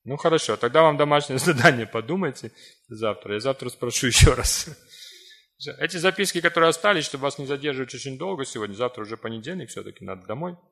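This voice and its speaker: A man's voice: mid-range voice, animated, fast talker, a bit bright. Ironic middle-aged man lecturing a seminar. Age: 40s. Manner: ironic, teasing, conversational. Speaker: seminar lecturer answering audience notes. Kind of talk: live seminar Q&A talk.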